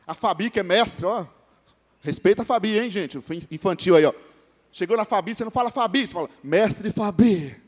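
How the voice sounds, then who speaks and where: A man with a Brazilian Portuguese accent preaches in a strikingly high voice. He keeps turning to the congregation with questions and teases members by name. His words carry a long reverberant tail from the church hall. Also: fast talker. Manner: conversational preaching with frequent calls to the congregation; jokes with named members of the congregation. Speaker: pastor. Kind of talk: sermon.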